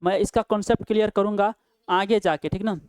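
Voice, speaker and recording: Man teaching grammar with a smooth voice. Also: sits high, fairly even intonation, a little fast, a little mellow, no room sound. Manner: asks questions and answers them himself, with frequent "ठीक ना?" tag checks. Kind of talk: Hindi-language English grammar lesson.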